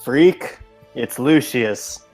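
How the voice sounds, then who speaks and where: A man's voice: mid-range voice, very slow, darkish tone, faint music behind. A man playing a tabletop game, casually stating his character's actions and asking questions.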